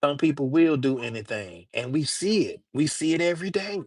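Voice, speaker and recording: A man from Alabama hosts a livestream, chatting casually and slangily straight to his viewers in a loose manner. His voice sits on the high side with a darkish tone and lively intonation, and he talks fairly quickly. The studio recording is clean, with no room sound.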